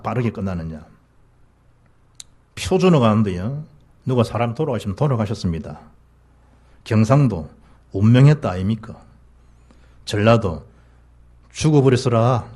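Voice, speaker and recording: A male pastor with a Gyeongsang Korean accent, preaching a sermon in an animated manner that rises to emphatic peaks and drops low. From South Gyeongsang, South Korea.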